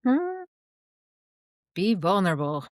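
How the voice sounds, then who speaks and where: A woman co-hosting a podcast, talking in a relaxed, matter-of-fact way. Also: mid-range voice, slow, no echo, studio quality. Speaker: podcast co-host. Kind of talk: casual podcast chat.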